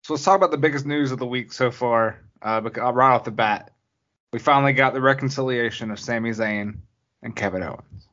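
A man's voice: medium pitch, fairly quick, pushed and bright. Dry teasing male podcast host. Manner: dry, teasing, steering the talk. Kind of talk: casual podcast chat. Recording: dull lo-fi audio.

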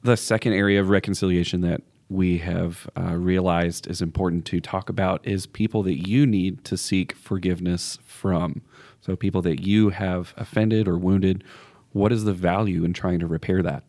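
A man with a low voice explains ideas calmly and introduces new topics. He speaks in a clear, steady way during a reflective faith discussion. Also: moderate pace. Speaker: podcast co-host, school staff.

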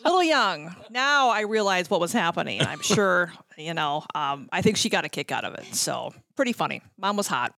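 A middle-aged American woman who once worked in radio promotions is an interview guest, chatting through anecdotes and acting out bits of dialogue by quoting herself. Her voice is lowish and fairly bright, with big pitch swings, a moderate pace, and few pauses.

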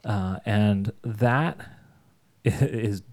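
A man's voice: on the low side, very slow, a little mellow. A man casually telling a long story on a podcast, rambling with fillers and chuckles.

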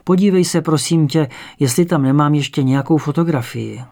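A man's voice: on the high side, vocal fry, a little mellow. Man reading as a frail kindly old actor.

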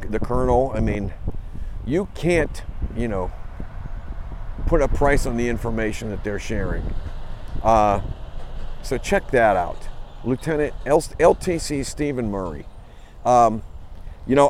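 A man hosting a podcast, talking in a halting, rambling way with many fillers, recorded on his phone. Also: mid-range voice. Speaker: podcast host. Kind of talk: casual spoken monologue. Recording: phone recording with wind and traffic noise.

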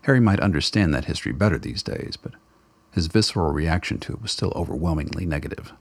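A male narrator reads a radio drama script in an extremely deep, gravelly voice with a husky grain. His delivery is dramatic, scripted, expressive and fast. The recording is close and dry, with no echo.

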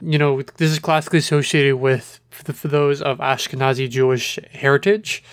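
A man's voice: mid-range voice, steady tone, fairly quick, smooth, no echo. A man co-hosting a casual educational podcast, answering questions in a loose, hesitant way and stumbling over long medical terms. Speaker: podcast co-host.

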